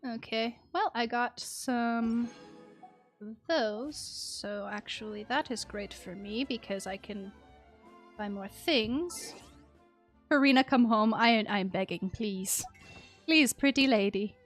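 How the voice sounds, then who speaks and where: A woman with a fairly high voice livestreams a game, chatting casually at a slow pace. She is playful as a game streamer and tends to mutter little sound words to herself, with music playing behind her.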